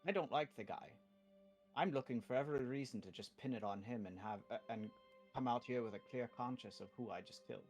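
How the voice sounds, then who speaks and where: A man improvising in character in a tabletop role-playing game, speaking in a halting, deliberate way and swearing casually. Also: medium pitch, darkish tone, soft background music.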